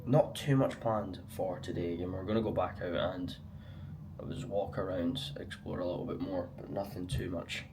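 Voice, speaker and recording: A young Scottish man with a fairly low voice talks casually into a handheld camera. His delivery is chatty and colloquial, in the style of a personal vlog. Clear background noise runs through the recording. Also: fairly even intonation, normal speed. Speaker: vlogger, amateur marathon runner. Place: on the move around a city, partly outdoors. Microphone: handheld action camera.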